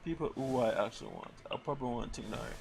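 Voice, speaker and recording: Through a noisy livestream mic, a young man provides loose game commentary, wandering and slangy as he thinks out loud. He has a medium pitch and speaks fast, in a sing-song, creaky way.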